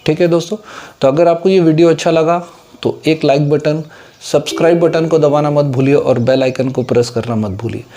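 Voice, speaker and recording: Fairly quick and steady in tone, this teacher has a fairly high yet dark voice and an Indian English accent. Working at a whiteboard, he casually explains English words in Hindi mixed with English, checking for understanding as he goes.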